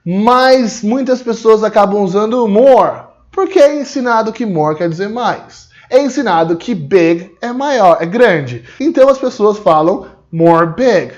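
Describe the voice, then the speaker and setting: A Brazilian Portuguese-accented man teaches English to the camera, speaking straight to the viewer. His voice sits high for a man and leaps around lively in pitch. He slows down to model each English phrase carefully. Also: muffled recording. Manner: animated and explanatory, slowing down to model English phrases. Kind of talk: video lesson, direct address to the viewer.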